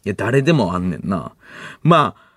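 A young man with a Kansai accent hosting late-night comedy radio, animated banter and voiced sound effects. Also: lowish voice, normal speed, slightly rough, no echo, clean studio sound. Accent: Kansai Japanese. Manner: animated, mimics jingles and sound effects with his voice. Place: radio studio. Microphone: studio mic.

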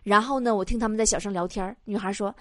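A woman's voice: medium pitch, steady tone, fast, no room sound, studio quality. A woman hosting a comedy show, reading out listener jokes with her own comments, laughing often and acting out the quoted lines. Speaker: host.

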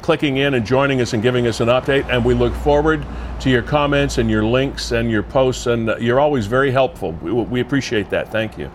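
A man hosting an interview show, talking in a loose, chatty way with frequent pauses. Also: medium pitch, a little hiss or hum. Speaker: show host. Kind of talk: casual interview chat.

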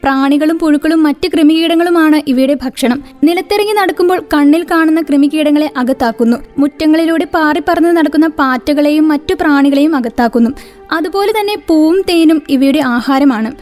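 Woman narrator, high voice, steady scripted read over soft music. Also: moderate pace. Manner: even, informative reading pace. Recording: faint background music.

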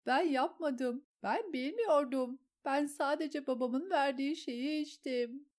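A woman's voice: sits high, drawn-out words, dark tone, pitched above the performer's own voice. A woman voicing a hysterical, jealous noblewoman who shrieks and sobs in a storybook reading. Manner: shrieking, sobbing, pleading.

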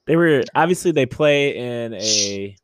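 A man's voice: mid-range voice, animated, unhurried, clean tone, dry recording, studio quality. A man co-hosting a casual sports chat, easygoing and loose, often restarting his sentences. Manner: easygoing, hesitant restarts, laughs along. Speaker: sports podcast co-host.

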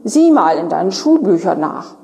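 A woman reading the lines of a dry, knowing, worldly male soldier, read aloud slowly and evenly. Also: sits high, sing-song, creaky, mellow, in a large hall, dull audio, pitched below the performer's own voice, exaggerated voice.

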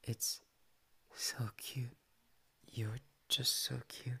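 A man's voice: mid-range voice, little pitch movement, extremely slow, husky, heavily acted. A man voicing a shy, playful young male cat boy in a whispered ASMR roleplay, tender and teasing, slipping "nya" into his talk. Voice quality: soft whispery delivery.

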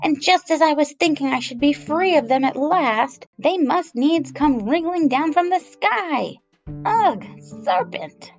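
A woman's voice: expressive, normal speed, soft background music, close to an everyday voice. A woman voicing a fretful female pigeon who shrieks and scolds about serpents and her eggs. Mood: shrieking. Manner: shrill, sobbing, contemptuous.

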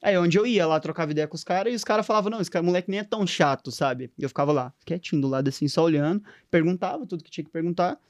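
A man's voice: fairly high pitch, rapid-fire, few pauses, dry recording. A young man with a Minas Gerais accent, a tattoo artist telling stories in slangy, casual podcast chat. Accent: Minas Gerais Portuguese. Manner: slangy storytelling.

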